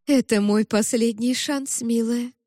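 A woman's voice: on the high side, fairly even intonation, a little slow, mellow, no room sound, clean studio sound, long reverb tail, pitched above the performer's own voice. A woman voicing a frantic, overeager mother with an exclamatory, giddy manner. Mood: overjoyed.

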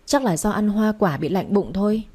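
A woman's voice: medium pitch, lively intonation, normal speed, dark tone, slightly rough. A woman voicing a tearful, pleading young pregnant servant who whines and begs. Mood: whining. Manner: whiny and pleading. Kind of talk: storybook character voice.

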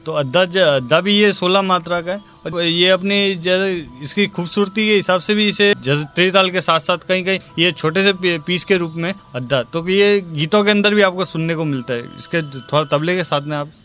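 A man's voice: high-pitched, clear, resonant tone. Man teaching tabla over drumming. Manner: explains calmly, then slowly recites tabla syllables. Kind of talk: spoken music lesson. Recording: tabla music in background. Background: tabla playing.

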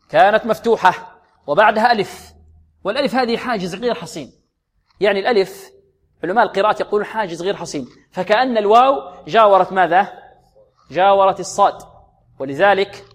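A man teaching Quran recitation rules, asking questions and answering them himself, and drilling single sounds slowly over and over. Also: sits high. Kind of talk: tajweed lesson with demonstrations.

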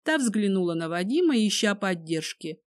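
A woman reading a first-person dramatic story aloud, expressive throughout. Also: mid-range voice, normal speed. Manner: expressive, voices each character. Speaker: audiobook narrator.

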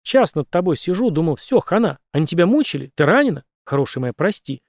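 A man's voice: a little high, sing-song, a little fast, a little mellow, no echo, pitched above the performer's own voice. Kind anxious young man, read by a man, urgent, colloquial, dry close sound. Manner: urgent, pleading, rough colloquial.

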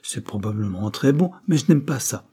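A man's voice: medium pitch, moderate pace, slightly rough. Man doing a slangy young chauffeur. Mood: chatty. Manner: colloquial, animated working-class talk. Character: young male chauffeur-mechanic, slangy and blunt.

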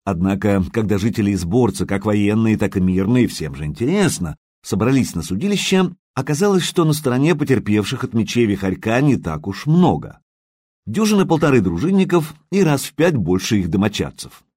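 A man reading an audiobook in an even, measured storytelling voice. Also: fairly low pitch, slightly rough, dry recording, clean studio sound. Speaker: audiobook narrator. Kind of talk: audiobook narration.

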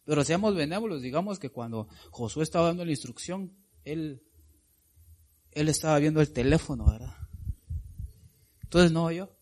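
A man preaching an evangelical sermon with passion, swinging from quiet asides to loud shouted lines and calling his listeners "brother". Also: on the high side, lively intonation, normal speed, long pauses. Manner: addresses listeners as "hermano bendito".

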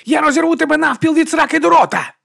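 A savage werewolf woman with a hair-trigger temper, snarling threats in a high, gravelly rasp, as a male narrator puts her on. Husky and rough throughout. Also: very animated, brisk, a bit bright, full character voice. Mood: menacing. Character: savage female werewolf warrior, hot-tempered.

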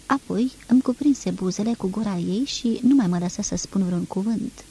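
A woman reading a literary novel aloud as an audiobook, in a measured, expressive storytelling manner. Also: mid-range voice, slightly rough, rough recording. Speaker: reader.

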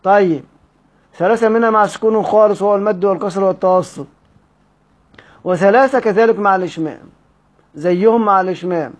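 High-voiced Egyptian recitation teacher. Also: male voice, quick pace, pauses often. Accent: Egyptian Arabic. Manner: quizzes students, reads a text aloud and explains it. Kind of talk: online lesson teaching recitation rules.

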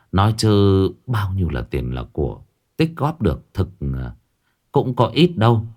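A man narrating a horror story in an expressive, colloquial way. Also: deep voice.

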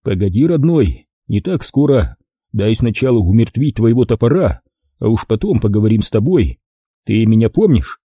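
Man voicing a sarcastic tough detective, low, slow, menacing, dark husky voice, audiobook. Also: big pitch swings, dry recording. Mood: mocking. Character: gruff tough male ex-investigator detective, mocking.

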